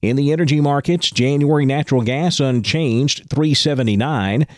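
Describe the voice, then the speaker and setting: A man's voice: mid-range voice, normal speed, no room sound, clean studio sound. A man reading a scripted agricultural market report as a radio news anchor. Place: dry studio.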